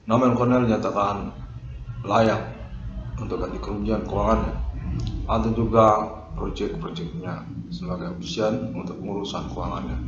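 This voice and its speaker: A man reading a stiff, repetitive formal statement with long pauses. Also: lowish voice. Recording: lo-fi roomy recording with noise.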